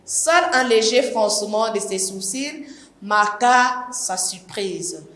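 Cameroonian lady teacher reading a story aloud, very slow and careful, echoey room. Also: mid-range voice, a bit bright. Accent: Cameroonian French. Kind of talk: reading a novel aloud for a lesson.

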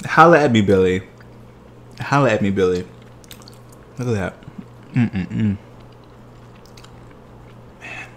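Speaking slowly with long pauses, a man in his thirties with a fairly low, expressive voice films a dessert tasting vlog from his living room. There's a little hiss or hum in the audio as he chats and relishes every bite with exuberant delight.

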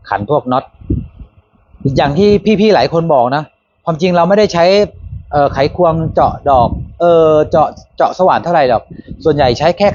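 A man's voice: medium pitch, background noise. Chatty man with dull lo-fi sound. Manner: relaxed, chatty, with fillers and self-corrections. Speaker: handyman channel host. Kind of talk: casual demo talk. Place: workshop or garden.

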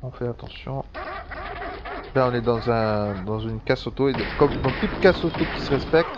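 A man talking through a game in a loose, chatty way, swearing often and thinking aloud at a middling pitch. The sound is dull and lo-fi, with a faint hum of ambience behind him. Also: moderate pace. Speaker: gameplay commentator. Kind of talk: casual let's-play commentary.

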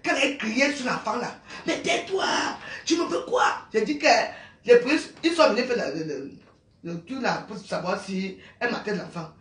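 Indignant widow, high and insistent, recorded at home in a roomy space. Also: female voice, moderate pace. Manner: emphatic, repetitive, peppered with tag questions. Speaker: widow ranting about her neighbors. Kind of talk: emotional monologue. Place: at home in an apartment building.

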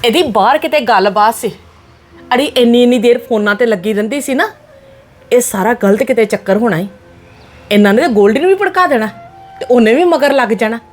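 A woman's voice: a little high, brisk, faint music behind, natural voice. A woman with a Punjabi accent playing a worried mother who pleads earnestly with her married daughter. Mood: pleading. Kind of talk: family drama acting.

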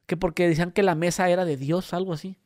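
High-pitched mexican guy telling stories, lots of slang, dry close mic. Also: fast talker, no room sound. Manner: animated storyteller, crude slang. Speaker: podcast co-host. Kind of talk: casual chat.

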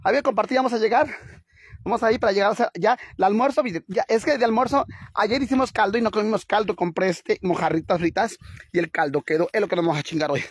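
A man's voice: high-pitched, fast, slightly rough, no echo. A man voicing a brash, foul-mouthed middle-aged woman out jogging, who chats crudely and dramatically to viewers she calls sisters. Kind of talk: comic character vlog. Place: outdoors on the street.

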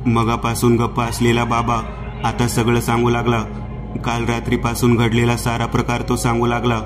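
A man narrating a scripted horror story in a steady storyteller's voice. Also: medium pitch, moderate pace. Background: soft background music.

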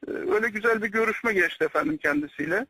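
A man's voice: high voice, quick pace, sharp tone, slightly rough, no echo, poor audio. A man speaking respectfully over a landline phone, reporting to a superior in a recorded private call. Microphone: telephone line.

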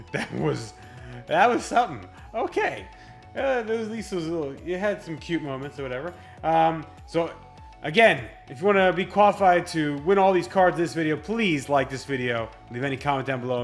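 A man hosting a card-opening vlog, reading out prices and laughing at the chaos of his kids around him. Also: a little high. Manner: exasperated, lively, laughing at chaos. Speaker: channel host opening trading cards.

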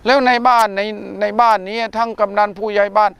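A man's voice: sits high, little pitch movement, fast, a bit bright, clear, resonant tone. A man, a Buddhist monk from northeastern Thailand, hosting a casual religious talk show and telling stories with many "er" fillers. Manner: chatty storyteller, many "er" fillers. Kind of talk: casual discussion on a religious TV program.

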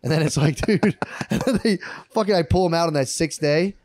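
A man's voice: a little high, fairly quick, a little mellow, no echo, studio quality. A man in his thirties co-hosting a podcast, telling loose, profane stories in casual comedic banter. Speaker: podcast co-host.

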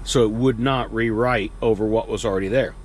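A man's voice: on the low side, steady tone, brisk, darkish tone, a little hiss or hum. A middle-aged man in his fifties, a truck driver vlogging in a casual, rambling way with lots of fillers, filming himself inside his truck cab at night. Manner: rambling, conversational, many fillers. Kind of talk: casual vlog monologue. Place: truck cab at night, earlier outdoors at a loading yard.

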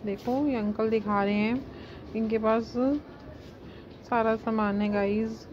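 A chatty woman gives a casual shopping vlog from inside a busy wholesale market and keeps repeating her favourite phrases. Her voice sits fairly high but runs flat, with little rise and fall. The phone recording sounds a bit dull, with faint market bustle behind her. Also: slow, background noise. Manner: chatty, repeats "guys" and "very pretty" a lot. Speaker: cosmetics channel vlogger.

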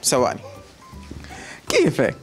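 A man's voice: measured pace, faint music behind. A young man hosting a street interview show, teasing and joking affectionately with children at a care center.

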